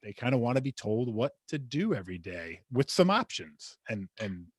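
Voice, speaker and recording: Earnest male host with a mid-pitched voice and a dry, close sound. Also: big pitch swings, moderate pace, breathy edge, no echo. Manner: earnest, trails off quietly. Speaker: podcast host. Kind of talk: casual interview chat.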